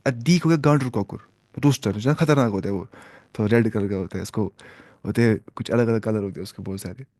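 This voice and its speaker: A man teaching a beginners' Arabic class, asking his students questions and repeating each word slowly. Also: fairly low pitch, darkish tone. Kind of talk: classroom lesson.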